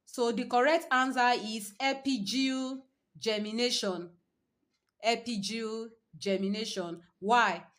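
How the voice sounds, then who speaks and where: A Nigerian-accented woman teaches a biology exam-prep lesson in a voice on the high side, fairly bright and a little slow, with fairly even intonation. Her repeated phrases and self-answered "what?" questions come through a distant mic in an echoey room.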